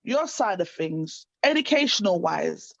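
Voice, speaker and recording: A woman's voice: fairly low pitch, big pitch swings, unhurried, gravelly, dry recording. A woman in her thirties hosting an online interview show, enthusiastic and affirming. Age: 30s. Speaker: host. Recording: dry, slightly dull sound.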